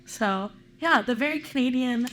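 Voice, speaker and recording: A woman's voice: a little high, moderate pace, fairly bright tone, slight background noise. A woman musician speaking enthusiastically and conversationally in a documentary interview.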